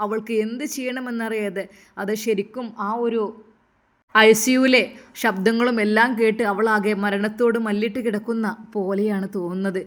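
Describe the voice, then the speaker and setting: A woman's voice: fairly high pitch, steady tone, moderate pace. A woman with a Malabar Malayalam accent who narrates a dramatic story and speaks every character's lines herself, stressing her words. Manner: emphatic, repeats "athe" often.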